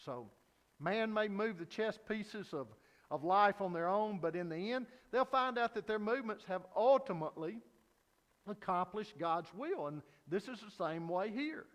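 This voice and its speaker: High-voiced pastor at a pulpit microphone. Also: male voice, lively intonation, normal speed, long reverb tail. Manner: earnest storytelling with many hesitant fillers. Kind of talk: evening sermon.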